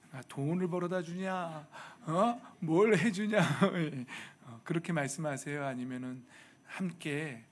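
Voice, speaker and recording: A male pastor preaching a lively, humorous sermon, acting out bits of everyday speech for the congregation. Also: on the high side. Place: church sanctuary.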